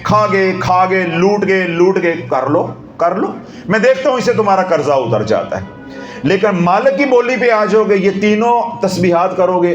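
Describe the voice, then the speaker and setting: A man's voice: high voice, reverberant, highs cut off. A man giving a sermon as a preacher, repeating phrases for emphasis. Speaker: Islamic preacher. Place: rooftop gathering.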